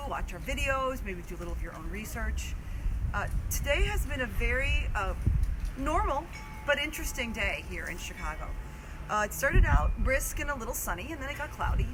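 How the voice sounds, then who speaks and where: Woman hosting outdoors over noisy backyard ambience. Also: on the high side. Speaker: host of community garden live video. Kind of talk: informal live gardening explainer. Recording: outdoor live video, clear ambient noise.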